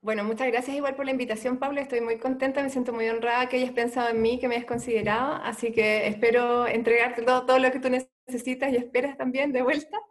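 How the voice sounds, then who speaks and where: A Chilean doctor, appearing as a guest, tells her story in Spanish with a Chilean accent. Her voice is on the high side and flat, and she talks quickly with hardly any pauses. She is earnest and conversational, using many "eh" fillers.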